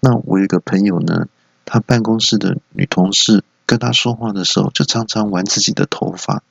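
Low gravelly man telling comic stories. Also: fairly even intonation, fairly quick, no room sound, dull audio. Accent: Taiwanese Mandarin. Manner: storytelling, voices characters with high squeaky outbursts. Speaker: stand-up comedy podcaster. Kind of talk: solo comedy monologue with acted quotes.

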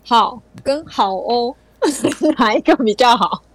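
A woman's voice: fairly high pitch, animated, takes it slowly, no echo. A woman co-hosting a casual podcast, laid-back and questioning, laughing easily. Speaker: podcast co-host.

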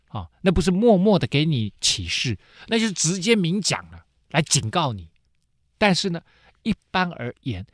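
A male pastor retelling a Bible story in a sermon, explaining as he goes and filling pauses with small particles. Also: a little high, dry recording, clean studio sound. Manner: explanatory, with frequent filler particles.

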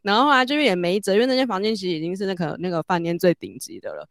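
A woman, telling a story in casual chat and growing animated as she goes. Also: racing, no echo, studio quality. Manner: animated, rises high when excited.

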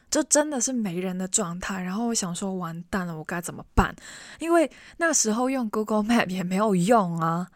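A woman telling a story in a chatty, animated way and talking straight to the listener. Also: medium pitch, dry recording, studio quality. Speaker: vlogger. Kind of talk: casual storytelling to camera.

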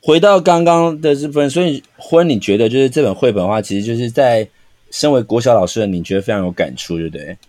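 A man, a teacher co-hosting a podcast, chatting in an animated, teasing way and acting out lines. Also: mid-range voice, fast talker, no echo. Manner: animated, acts out lines to tease. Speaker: podcast co-host who teaches students. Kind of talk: casual chat.

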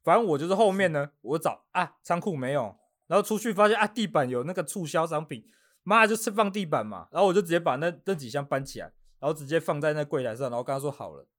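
A man's voice: on the high side, fast talker. A man with a Taiwanese Mandarin accent telling a story in casual chat, acting out what people said and laughing often. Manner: animated, acts out quotes, laughs often. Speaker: podcast guest.

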